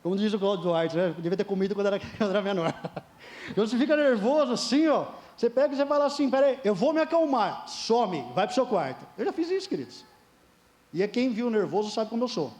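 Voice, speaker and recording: A man's voice: high-pitched, animated, fast talker, darkish tone. A middle-aged Brazilian man preaching a sermon at a church service, emphatic, often calling his listeners dear ones. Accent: Brazilian Portuguese. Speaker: pastor.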